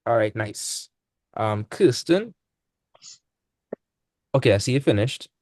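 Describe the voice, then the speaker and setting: A man's voice: mid-range voice, very animated, takes it slowly, darkish tone, dry recording. A young man, tutoring maths in a casual online class. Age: young adult. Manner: casual, laid-back teaching with dialect speech. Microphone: video call.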